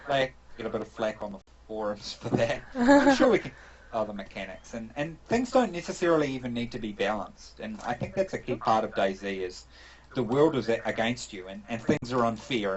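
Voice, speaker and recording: A man's voice: lowish voice, sing-song, brisk, highs cut off. A man with a New Zealand accent, a game developer answering interview questions in a thoughtful, rambling way with many fillers and restarts. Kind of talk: casual interview answers over an online call.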